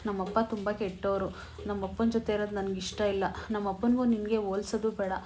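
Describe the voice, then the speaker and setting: A woman's voice: medium pitch, level tone, a little fast, dark tone, a little hiss or hum, natural voice. A woman voicing a stubborn little girl who scolds her grown-up friend earnestly.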